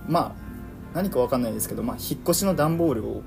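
Fast-talking, creaky man telling an eerie tale. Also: medium pitch, lively intonation, music in the background. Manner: halting, pieced-together telling with polite speech. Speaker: guest telling a family story. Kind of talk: casual conversational telling of a true eerie story.

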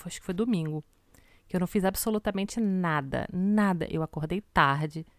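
A woman talking loosely and at length in casual conversation, stringing thoughts together with filler words. Her voice is smooth and clear, with a dry, close sound and no room echo. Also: fairly low pitch, normal speed. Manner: chatty, trailing filler words. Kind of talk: casual chat. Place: home in Canada.

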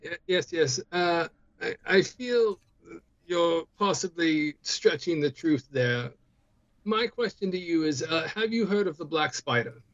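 A man playing a tabletop role-playing game, improvising a negotiation in polite, halting diplomatic phrases. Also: on the high side, animated, a bit bright. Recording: slightly muffled lo-fi mic.

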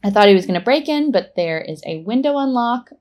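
A woman's voice: fairly high pitch, brisk. Woman narrating an episode recap. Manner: animated play-by-play storytelling. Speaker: podcast co-host. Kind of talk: casual episode recap chat.

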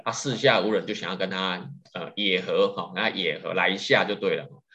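A man's voice: deep voice, fairly even intonation, pushed and bright, dull audio. A man, hosting a podcast and chattily retelling a folktale. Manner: chatty, loads sentences with drawn-out particles. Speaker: podcast host.

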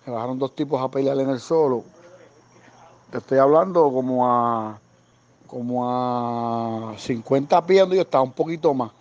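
A man's voice: medium pitch, normal speed. A man with a Puerto Rican accent telling true stories from his days as a security guard in a casual, slangy way, acting out the people he quotes. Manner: animated, acts out quoted voices, slangy. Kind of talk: casual storytelling. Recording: dull lo-fi recording with faint noise.

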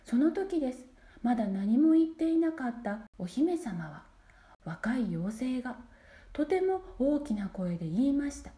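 High, lively woman storyteller. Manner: gentle, measured reading with dropping whispered phrase ends. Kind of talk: scripted fairy-tale narration. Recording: echoey room.

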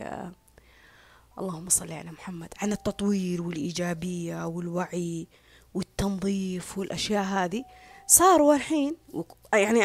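A woman talks straight to the listener in a casual, opinionated monologue. She throws in sarcastic asides and sometimes sinks to a whisper. Her voice sits at an ordinary middle pitch, recorded dry and close with no room sound. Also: no room sound. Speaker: social media commentator.

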